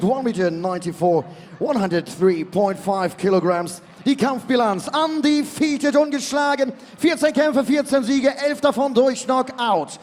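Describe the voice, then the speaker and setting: A man with a very high voice announces a boxing match through the arena speakers, stretching his words into booming calls. Long reverb hangs around every phrase, the sound of a big indoor hall. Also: darkish tone, slight background noise. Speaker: ring announcer. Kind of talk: bilingual boxing ring announcement.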